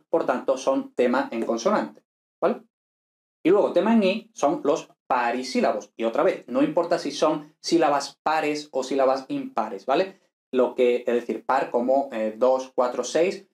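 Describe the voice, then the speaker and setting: A man with a slightly high voice teaches a lesson in a relaxed, explaining way, often checking that his listeners follow. The room around him is echoey. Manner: relaxed explaining with frequent "¿vale?" tags. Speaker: Latin teacher. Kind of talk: online lesson.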